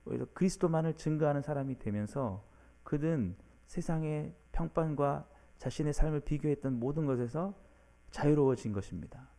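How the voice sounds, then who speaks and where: Male pastor, early-morning sermon, warm dark tone, earnest and dynamic, swings from loud to low. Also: moderate pace. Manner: earnest preaching, voices imagined inner questions of the listeners.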